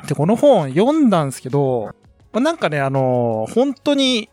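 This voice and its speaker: Lively, rambling podcast man. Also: a little high, moderate pace, faint music behind. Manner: lively, rambling with many fillers. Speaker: podcast co-host. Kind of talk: casual chat.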